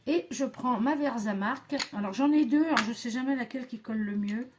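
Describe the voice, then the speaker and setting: A woman's voice: fairly high pitch, fairly quick, music in the background. A woman, demonstrating a craft project in a chatty, hesitant way, full of fillers and self-talk. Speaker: crafting tutorial host.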